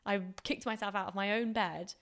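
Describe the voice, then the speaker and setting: Female podcast co-host, medium pitch, chatty and teasing, informal unscripted delivery. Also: fairly even intonation, moderate pace, a bit bright. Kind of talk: casual unscripted podcast chat.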